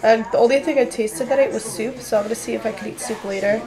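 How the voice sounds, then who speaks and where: A young woman talking casually in a home vlog, tired and sore after nose surgery, rambling in a low-key way. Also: steady tone, quick pace, a crowd in the background, poor audio. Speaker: vlogger recovering from nose surgery. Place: at home indoors.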